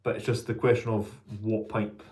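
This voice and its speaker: A man chatting casually as a pipe maker on his vlog, thinking aloud in a halting way and repeating words. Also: fairly low pitch, level tone, a little mellow. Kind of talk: casual, rambling hobby vlog chat.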